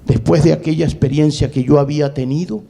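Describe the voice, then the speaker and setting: A male pastor telling a personal story in a sermon, dramatic, repeating words and swinging between quick bursts and slow, drawn-out phrases. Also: fairly high pitch, fairly even intonation, creaky, warm tone. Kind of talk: sermon testimony.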